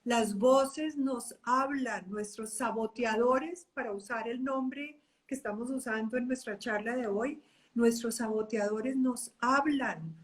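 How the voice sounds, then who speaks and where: Animated woman coach in a live chat. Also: a little high, slow. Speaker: life coach.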